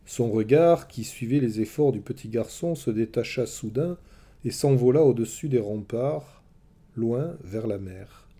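A man narrating a storybook tale of an ancient myth in a measured, expressive way. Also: mid-range voice.

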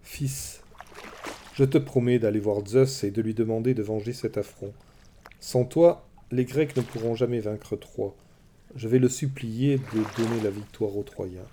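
A man narrating a storybook, voicing a goddess mother who speaks gently and solemnly. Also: on the low side, a little slow, slight background noise, natural voice. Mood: tender. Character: sea goddess mother, tender and resolute.

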